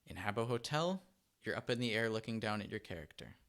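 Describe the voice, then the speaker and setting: A young man co-hosting a podcast, talking in an animated, emphatic way and repeating himself as he gets going. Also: on the low side, fast talker. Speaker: podcast co-host. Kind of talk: casual chat.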